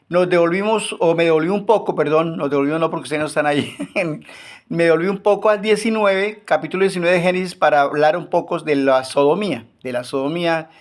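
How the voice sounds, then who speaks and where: Emotional man preaching a Bible lesson. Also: a little high. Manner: emotional retelling, pausing with fillers. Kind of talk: Bible teaching.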